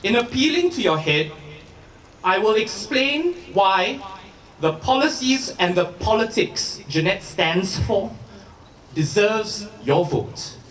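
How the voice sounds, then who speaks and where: Distant noisy recording, male rally speaker, animated swooping intonation, urgent activist appeal, emphatic pauses. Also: high voice, reverberant. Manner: emphatic, deliberate public oratory with pauses for effect and rhetorical questions. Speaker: rally speaker, lawyer campaigning for a candidate. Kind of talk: political rally speech.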